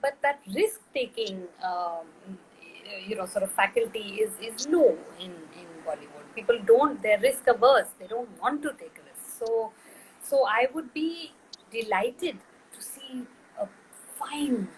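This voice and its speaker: A woman's voice: fairly high pitch, lively intonation, a little slow, slight background noise, low-quality recording. A middle-aged woman, a film director being interviewed, speaking thoughtfully with frequent fillers and restarts. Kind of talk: interview conversation.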